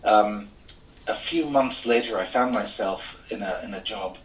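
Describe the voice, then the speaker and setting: A man's voice: lowish voice, measured pace, fairly bright tone. A middle-aged man from Switzerland, a lawyer and mediator, telling his story candidly and articulately in an interview over a video call. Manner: articulate, candid, self-deprecating. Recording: echoey room, distant from mic.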